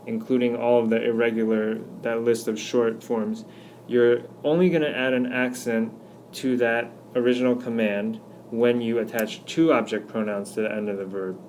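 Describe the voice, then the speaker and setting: A man teaching a recorded grammar lesson, walking through slide examples patiently and slowing down to spell out each one. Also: medium pitch, little pitch movement, darkish tone, slight background noise. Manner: patient, explanatory, slows down on examples. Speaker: Spanish teacher.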